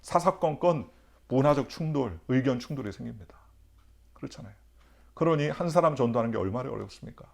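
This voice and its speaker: Gravelly-voiced male pastor preaching. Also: medium pitch, fast. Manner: rhetorical questions, storytelling, emphatic. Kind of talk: sermon at a dawn service. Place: church.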